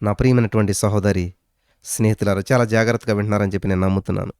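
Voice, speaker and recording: A man's voice: fairly even intonation, very fast, smooth, no room sound, clean studio sound. A man preaching a sermon, his voice rising and dropping sharply as he drives points home, with English phrases mixed in. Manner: preaching with sudden rises and drops in pitch and loudness. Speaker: pastor.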